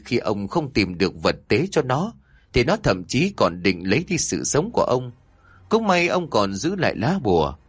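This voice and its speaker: Husky man narrating a horror tale. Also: fairly low pitch, dry recording. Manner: dramatic, expressive storytelling.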